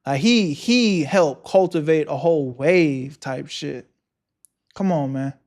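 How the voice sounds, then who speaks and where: A man's voice: fairly high pitch, slow, darkish tone. A man streaming live, reacting to a video in loose slang through a headset mic, talking straight back at the screen and greeting his chat. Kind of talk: casual live reaction commentary.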